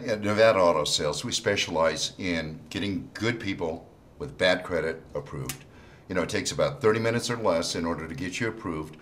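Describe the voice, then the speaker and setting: A man's voice: deep voice, fairly quick, a bit bright, slight background noise. A man talking conversationally as a car salesman in an infomercial.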